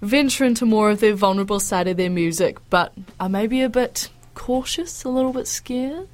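A woman's voice: medium pitch, expressive, normal speed. Enthusiastic woman radio host. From New Zealand. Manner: warm, enthusiastic praise. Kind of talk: radio interview.

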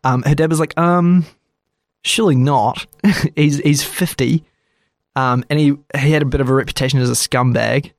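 Guy casually telling history stories, kinda sarcastic, gravelly voice, dry close sound. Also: mid-range voice, steady tone, a little fast, dry recording. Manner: chatty, sarcastic, acts out quotes.

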